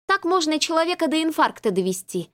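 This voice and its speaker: A woman reading a story and voicing a sharp-tongued, easily rattled young woman in an indignant, sarcastic manner. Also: high voice, big pitch swings, a little fast, voice pushed up.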